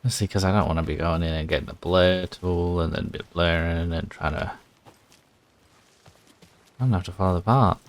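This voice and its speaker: A man's voice: sits low, normal speed, long pauses. A man casually commenting while playing a horror video game, muttering his thoughts aloud with a wry edge. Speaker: gaming channel host. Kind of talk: casual let's-play commentary.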